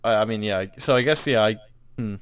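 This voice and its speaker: A man with a low voice, chatting on a casual podcast. He trades dry, hesitant retorts with his co-hosts. The sound is close and dry, with no room echo. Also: a little fast, clear, resonant tone. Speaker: podcast co-host. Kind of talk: casual chat.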